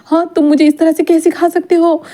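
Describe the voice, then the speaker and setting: A woman's voice: very high-pitched, level tone, fairly quick, dark tone, voice pushed up. A woman voicing a flustered, stubborn young man in a read-aloud fan story, protesting and stammering.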